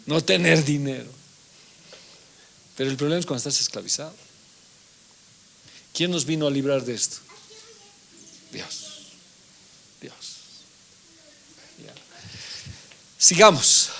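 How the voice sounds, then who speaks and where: This pastor's voice is gravelly and on the high side as he leads a Bible class sermon with animation. Scripture is read aloud, and he puts questions to the congregation before supplying the answers himself.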